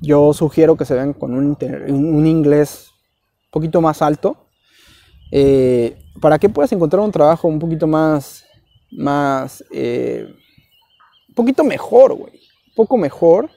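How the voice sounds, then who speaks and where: A man's voice: on the high side, lively intonation, a little slow, vocal fry, dark tone, no echo. A young Mexican man with a Mexican Spanish accent, giving rambling, slang-filled casual advice in a vlog. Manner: slangy, rambling, keeps saying güey. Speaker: vlogger.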